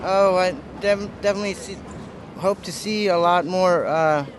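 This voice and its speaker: A man in his twenties from Russia answers questions on a city street. His voice sits high, and he hesitates often, restarting his sentences. Heavy street noise runs underneath him. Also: moderate pace. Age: 20s. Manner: hesitant, lots of uhs and restarts. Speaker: passerby. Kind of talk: casual street interview. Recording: loud street and traffic noise.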